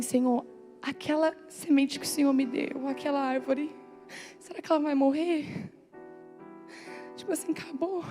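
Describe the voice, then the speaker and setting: A woman with a high voice preaches a heartfelt sermon in a church hall. She speaks with intense, pleading feeling and draws her phrases out slowly, while soft instrumental music plays faintly underneath. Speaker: preacher at a women's church meeting. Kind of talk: emotional sermon.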